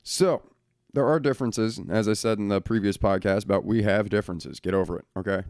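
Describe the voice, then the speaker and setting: A man's voice: on the low side, brisk, darkish tone, no echo, clean studio sound. A young man hosting a casual solo podcast from his bedroom, talking bluntly and swearing often as he rants. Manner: blunt, profane and ranting. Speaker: podcast host.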